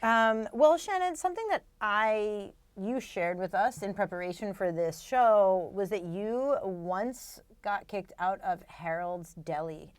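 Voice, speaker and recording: A woman's voice: medium pitch, lively intonation, unhurried, hardly any pauses, no room sound. A woman co-hosting a chat podcast. She talks casually and chattily, filling her lines with fillers. Her voice sounds dry and close to the mic. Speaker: podcast co-host.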